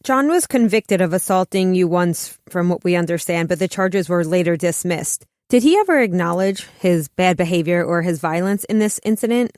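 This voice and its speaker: A woman with a fairly low voice reads interview questions evenly and carefully as a podcast co-host. The recording is dry and close. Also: expressive, moderate pace, few pauses, a little mellow, no room sound.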